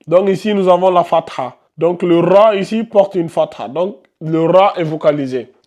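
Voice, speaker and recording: Brief: high-pitched male teacher in a classroom, quizzes students, repeats terms. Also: normal speed, a little mellow. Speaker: Quran recitation teacher. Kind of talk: live classroom tajwid lesson.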